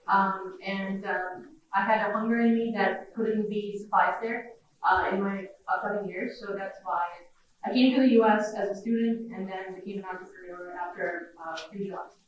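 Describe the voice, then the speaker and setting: A woman's voice: medium pitch, steady tone, normal speed. A woman introducing herself earnestly on a conference panel. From Pakistan. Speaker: entrepreneur, panelist. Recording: echoey hall, distant dull mic.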